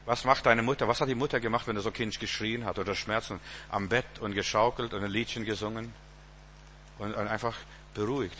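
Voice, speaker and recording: Man, preacher, sermon, bright voice, rambling, repeats words, faint hum behind. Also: lowish voice, steady tone, fairly quick.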